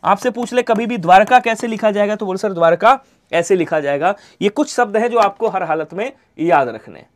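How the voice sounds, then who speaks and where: A man teaching an online Hindi exam-prep class, who answers his own questions in the voice of his students and lets the ends of his sentences fall quiet. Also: high voice, a little fast. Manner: repeats answers in imagined student replies, drops to quiet trailing endings.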